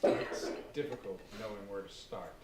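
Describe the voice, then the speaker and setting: A man playing a calm, grandiose cult leader who speaks softly and with chilling composure. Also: fairly low pitch, normal speed, close to an everyday voice. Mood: cold. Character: calm, menacing middle-aged male cult leader. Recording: roomy and distant with faint noise.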